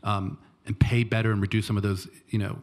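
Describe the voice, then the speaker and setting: A man stands to ask the panel a question, his voice sitting low. He lays out his reasoning in an unhurried, explanatory way. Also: level tone. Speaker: audience questioner. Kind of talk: question from the floor.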